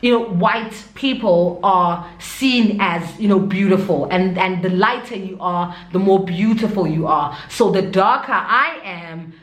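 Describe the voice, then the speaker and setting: A woman with a South African accent, an expatriate teacher who vlogs, chats casually to camera, telling stories expressively and dropping in Zulu interjections. Her medium-pitched voice is unhurried with hardly any pauses, and the room is echoey.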